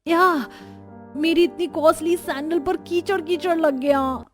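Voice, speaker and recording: A woman's voice: very high-pitched, fairly even intonation, measured pace, faint music behind, voice pushed up. A woman voicing a spoiled, snobbish rich young bride in a cartoon, haughty and complaining. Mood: disdainful.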